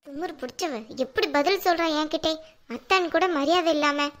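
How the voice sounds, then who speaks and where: A woman voicing a scheming middle-aged mother-in-law in a cartoon, sharp-tongued and prone to dramatic wailing. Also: sits high, moderate pace, close to an everyday voice. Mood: scolding. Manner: scolding, then wailing dramatically. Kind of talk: cartoon dubbing.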